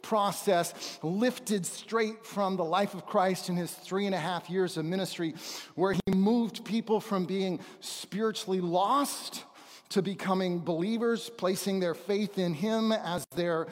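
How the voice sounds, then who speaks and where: A middle-aged man speaking as a visiting preacher, giving a church testimony in a halting, conversational way with pauses for emphasis. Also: high-pitched. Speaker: visiting preacher and missionary trainer. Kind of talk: church testimony, sermon to a congregation. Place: large church auditorium, speaking from a stage. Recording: reverberant hall sound.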